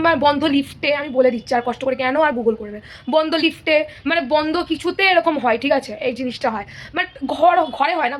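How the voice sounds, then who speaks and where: Late-teen woman vlogger, high-pitched, casual and rambling, mixes in English words, faint background hiss. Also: a bit bright. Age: late teens. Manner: rambling, restarts sentences, keeps asking "okay?". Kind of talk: casual chatty vlog. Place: home, near kitchen.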